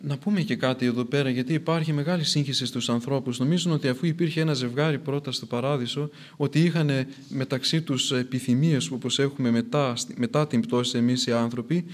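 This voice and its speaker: A man's voice: mid-range voice, steady tone, hardly any pauses. A man preaching a sermon in an earnest way, repeating phrases for emphasis as his intensity rises and falls.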